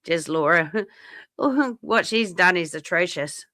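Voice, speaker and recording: Blunt, bright-voiced woman guest. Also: on the low side, expressive, takes it slowly, no room sound. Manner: blunt, indignant, swears. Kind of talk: casual livestream chat.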